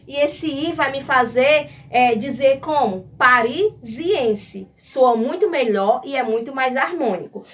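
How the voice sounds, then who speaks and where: Woman teacher from brazil, high voice, explains step by step, mic a bit far off. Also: a bit bright. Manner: explains step by step, checks in with "certo?" and "ok?". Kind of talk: recorded classroom lesson.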